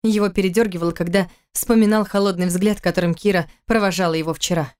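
A woman reading a novel aloud as audiobook narrator, in a steady, measured manner. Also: fairly low pitch. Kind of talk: scripted narration.

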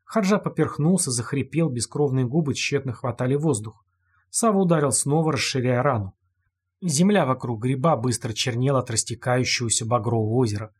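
A man narrating an audiobook in a steady, dramatic reading voice. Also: medium pitch, breathy edge.

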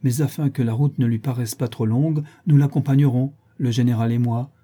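A man's voice: medium pitch, fairly even intonation, brisk, mellow, breathy edge, lightly acted. A man reading an audiobook, voicing a witty, playful aristocratic lady who hands down mock-solemn judgments.

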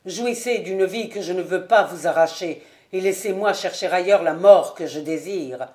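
A woman's voice: low voice, little pitch movement, measured pace, a little mellow, voice pushed down. A woman doing a grave, despairing nobleman.

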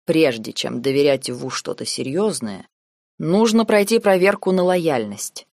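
A woman reading the lines of a cold, calculating noble uncle in an audiobook, measured and sarcastic. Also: low-pitched, expressive, a little mellow, no room sound, studio quality, full character voice. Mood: cold, lecturing. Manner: measured, lazy, coldly sarcastic.

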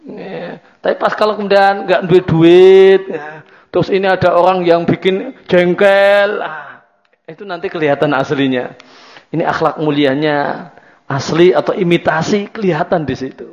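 High-pitched guy teaching a religious class, talks casual and repeats himself, muffled old recording. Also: moderate pace, darkish tone. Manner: conversational, repetitive, drops in Javanese words. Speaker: Islamic teacher. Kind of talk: religious study lecture. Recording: dull lo-fi lecture recording.

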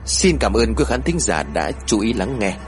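A man narrating a ghost story in an expressive, formal reading style. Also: lowish voice, moderate pace, soft background music.

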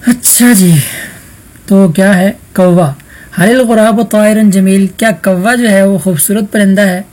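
A man's voice: high voice, fairly even intonation, darkish tone. A man teaching an online Arabic vocabulary lesson, patiently calling on students by roll number and explaining answers.

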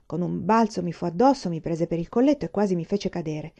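A woman reading a novel aloud in a steady, measured way. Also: lowish voice, vocal fry. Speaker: audiobook reader.

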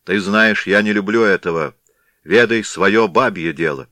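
A proud, fierce Cossack warrior speaks sternly and loudly, as a man acts him out. His deep, low voice carries commanding force and sounds dry and close. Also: unhurried, no echo.

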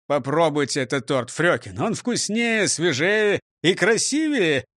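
A smug, sly gang boss, played by a man in a storybook reading. He wheedles and boasts with a lively, rising voice, close and dry. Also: on the high side, a little slow, dry recording.

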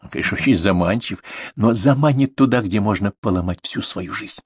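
Husky deep-voiced man reading intimately. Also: fairly quick, dry recording, clean studio sound. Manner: intimate, addressing his son. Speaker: narrator. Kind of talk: audiobook reading of a confessional novel.

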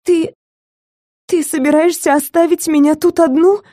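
A woman voicing a frightened, tearful young woman who pleads in a high, desperate voice. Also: moderate pace, mellow, natural voice. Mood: terrified pleading. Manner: high-pitched desperate pleading, near tears.

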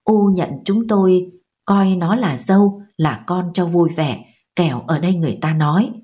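A woman's voice: lowish voice, moderate pace, warm tone, close to an everyday voice. A woman voicing a humble young man begging his mother, in a pleading tone. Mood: coaxing.

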